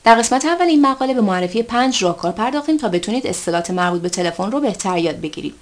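Woman, Persian native, scripted lesson narration, slow careful English phrases. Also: medium pitch, expressive. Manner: reads English example phrases slowly and carefully. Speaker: English teacher.

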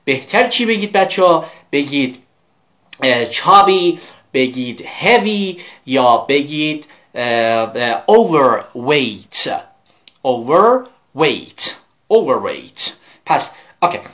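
An adult English teacher leading a live vocabulary class in Persian, saying English phrases slowly and repeating them, with quick asides to the students in between. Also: medium pitch, big pitch swings, a bit bright.

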